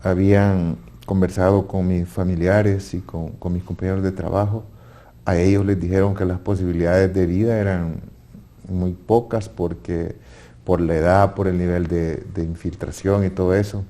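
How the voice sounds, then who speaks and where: A man's voice: sits low, little pitch movement, normal speed, warm tone. A man with a Salvadoran accent giving a personal faith testimony, earnest and now and then restarting his words. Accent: Salvadoran Spanish. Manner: earnest storytelling with hesitant restarts.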